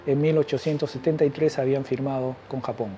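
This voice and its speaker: A man explaining history in an interview, measured and informative, with hesitations. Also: medium pitch, flat delivery, dark tone, dull audio.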